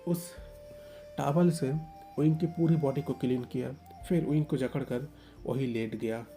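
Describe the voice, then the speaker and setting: Dark-voiced man telling a romance story. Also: medium pitch, a little slow, soft background music. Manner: emotional, voicing both characters himself. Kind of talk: dramatic story narration with acted dialogue.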